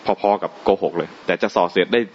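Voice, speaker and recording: A man's voice: low-pitched, fast, slight background noise. A man giving a conversational Buddhist dhamma talk, often asking his listeners questions and chuckling. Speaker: Buddhist monk teaching dhamma. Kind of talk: dhamma talk to a live audience. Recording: dull lo-fi recording, faint ambience.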